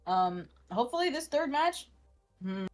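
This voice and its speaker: A woman's voice: a little high, sing-song, unhurried. A young woman doing chatty, rambling color commentary on a college esports match. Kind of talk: live casual color commentary.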